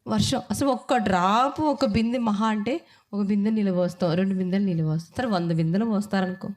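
A woman's voice: mid-range voice, quick pace, a little mellow. A woman with a Telugu accent leads a women's church meeting. She preaches fervently and emotionally, throwing questions out to the listeners and pressing them to answer back. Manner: fervent, call-and-response, asks the audience to answer. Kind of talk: emotional sermon.

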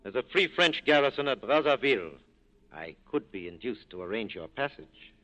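An actor playing a suave, corrupt French police captain in a 1940s radio drama, urbane and dryly ironic. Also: male voice, medium pitch, big pitch swings, normal speed, sharp tone. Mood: suave, scheming. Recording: muffled, noisy 1940s radio recording.

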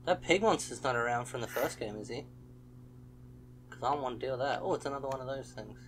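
A man's voice: mid-range voice, fast, a bit bright, slight background noise. A young man hosting a horror let's play, commenting as he goes and yelping at the scares. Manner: jumpy, exclaims and yelps at scares.

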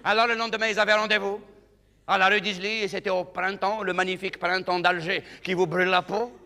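A male comedian spins a playful, animated story on a theatre stage, his high voice bright and forceful. A long hall reverb and faint noise surround his voice. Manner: animated, playful, dramatic pauses. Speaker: stand-up comedian.

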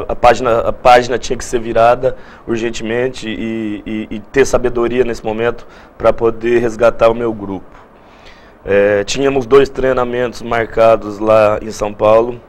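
A football coach in his thirties talks through events on a studio set. His voice stays flat and even with little melody, and his speech is measured, with frequent small restarts, at a middle pitch. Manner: measured, halting, repeats words. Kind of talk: studio TV interview.

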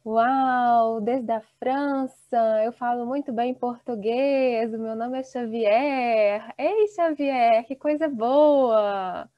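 A woman in her thirties teaching an online Portuguese class, slowly and encouragingly reading out students' chat replies. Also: on the high side, no echo. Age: 30s. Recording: dull, dry video-call audio.

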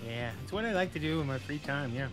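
Brief: man streaming a game, playful and sarcastic, a touch higher voice, faint music behind. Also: expressive, fast talker. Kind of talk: casual gameplay commentary.

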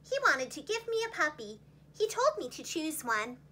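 In a rough recording with a faint hum, a young adult woman reads a story to little children at normal speed, preschool-teacher style. Her very high voice swings widely in pitch with dramatic, expressive phrasing, and she sits against a plain wall in a small room.

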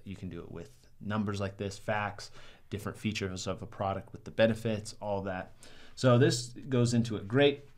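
A young man sitting at a desk in a small studio, casually critiquing ads to the camera in an upbeat way, with lots of "um"s. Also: fairly low pitch. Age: young adult. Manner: upbeat, many "um"s and "right?". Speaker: marketing reviewer.

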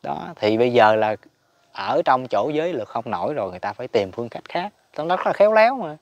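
A man's voice: mid-range voice, sing-song, fast, no room sound, dull audio. A man giving a casual Buddhist teaching talk, chatty and emphatic, chuckling often. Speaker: spiritual teacher.

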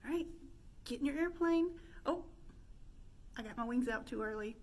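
Her slightly high voice is expressive and moves at normal speed as this woman in her thirties, a children's librarian, hosts storytime. She invites young children into pretend play with sing-song questions, in an indoor room featuring a stone fireplace.

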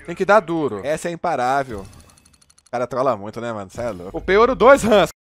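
A Brazilian man with a Brazilian Portuguese accent streaming live, giving energetic, slangy gameplay commentary and coaching to his viewers. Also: mid-range voice, fairly quick, no room sound, faint music behind. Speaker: game streamer.

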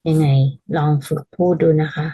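A woman teaching a casual language lesson, patiently explaining and repeating phrases slowly so learners can practice. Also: mellow, low-quality recording.

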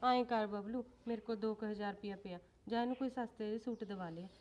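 A woman's voice: medium pitch, fairly even intonation, fast talker, a little mellow, highs cut off, a little hiss or hum, close to an everyday voice. An actress with a Punjabi accent playing a middle-aged mother who scolds one daughter-in-law and comforts the other. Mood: soothing. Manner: scolding, then soothing and motherly. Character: middle-aged mother, firm yet kind. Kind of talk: Punjabi short-film acting.

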